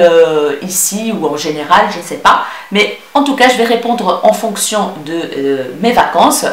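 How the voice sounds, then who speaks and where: A woman's voice: mid-range voice, a bit bright, roomy sound. A woman with a mixed Tunisian-Belgian French accent, a beauty vlogger answering viewer questions in a casual, affectionate chat full of hesitant fillers.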